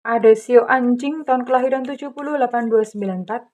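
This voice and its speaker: A middle-aged woman reads tarot for her viewers in a fairly high, steady voice at a quick pace. She's affectionate, calls the listener darling, and refers to herself as Bunda. Loud electronic music plays behind her.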